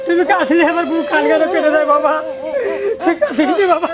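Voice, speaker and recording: A woman's voice: very high-pitched, steady tone, fast, a loud crowd, heavy background noise. A woman playing a rural parent who coaxes and soothes a crying son, repeating endearments again and again. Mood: coaxing. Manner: coaxing, repeats endearments over and over. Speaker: actor. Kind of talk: amateur village drama acting.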